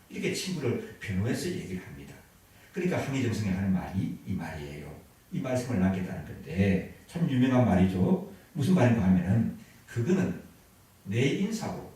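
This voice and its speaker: A man's voice: on the low side, warm tone, heavy reverb, far from the mic, rough recording. A man preaching a sermon as a pastor, telling a story and asking the congregation questions. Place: church sanctuary.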